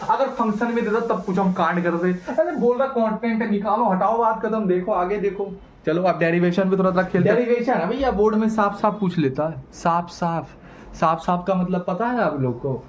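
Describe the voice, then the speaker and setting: A high-voiced man teaches physics in an animated, teasing way, talking straight to his students. His voice bounces around an echoey room. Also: normal speed. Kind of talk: classroom lecture.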